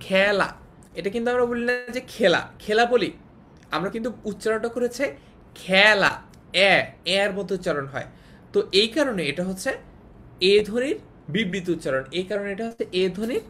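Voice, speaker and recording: Patient woman teaching an online class. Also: a bit bright. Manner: patient explaining, repeats key points, checks understanding. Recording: faint noise and low rumble.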